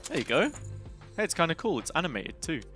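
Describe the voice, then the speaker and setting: A man's voice: on the high side, very animated, fast talker, bright, forceful tone, soft background music. A man with a British accent hosting a casual watch party stream, chatty and easily sidetracked. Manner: chatty, easily sidetracked, talks over the broadcast. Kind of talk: casual live stream commentary.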